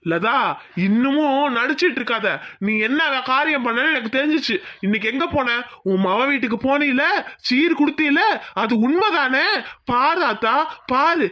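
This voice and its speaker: Woman cast as angry dad, high-pitched, shouting, proud. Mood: bitter. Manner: shouting, scolding, wounded pride. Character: angry proud village father, middle-aged man. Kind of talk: cartoon voice acting.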